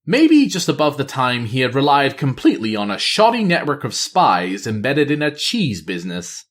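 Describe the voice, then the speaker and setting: A man narrating a novel aloud in a middle-range voice. His delivery is expressive, with pitch that rises and falls freely from phrase to phrase. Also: moderate pace. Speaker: storyteller.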